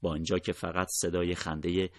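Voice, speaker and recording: Male audiobook narrator: somber, measured storytelling, dry close recording, very low voice. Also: little pitch movement, dry recording.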